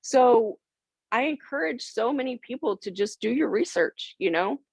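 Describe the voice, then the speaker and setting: A woman's voice: on the high side, animated, normal speed, creaky, a little mellow, husky, no room sound. A woman co-hosting a podcast discussion, speaking as a victims' advocate who passionately urges listeners to act. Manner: impassioned, urging listeners to act.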